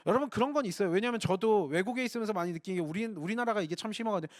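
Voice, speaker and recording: Guy pastor preaching quick n high, lots of questions to the pews, dry close sound. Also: no echo. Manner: earnest, rhetorical questions to the congregation. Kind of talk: sermon.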